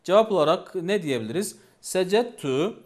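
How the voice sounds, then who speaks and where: Male teacher, patient and repetitive, voice a touch high. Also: animated, moderate pace. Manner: patient, repeats each phrase and asks questions. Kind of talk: language lesson.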